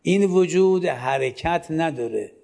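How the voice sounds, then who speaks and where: A man's voice: fairly high pitch, animated, gravelly, mellow. A man giving a classroom lecture, often asking the class a question and then answering it himself, with direct instructions to his students. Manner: poses rhetorical questions and answers them himself.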